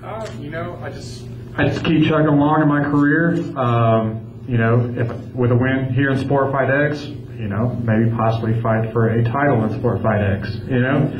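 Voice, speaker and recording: Man, fighter, conversational answers, medium pitch, echoey room, faint noise. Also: steady tone, moderate pace, highs cut off. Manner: conversational, frequent "you know". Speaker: fighter at a press conference. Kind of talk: press conference answers. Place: press conference room.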